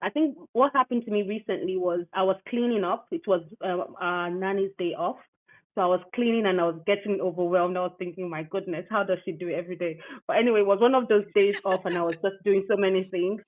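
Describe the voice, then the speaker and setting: A woman's voice: mid-range voice, fast talker. A woman hosts a podcast in a chatty, conversational way, her voice in a middle range. She tells everyday stories with a light laugh. Her voice comes through a narrow, tinny, phone-like line. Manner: chatty, warm storytelling with laughs. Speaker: podcast host. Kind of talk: casual chat.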